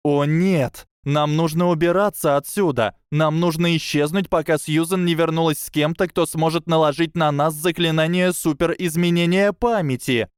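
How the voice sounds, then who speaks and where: A man voicing a shrill, hysterical schoolgirl witch, shrieking until the voice cracks. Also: drawn-out words, hardly any pauses, mellow, clear, resonant tone, no echo, studio quality. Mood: panicked.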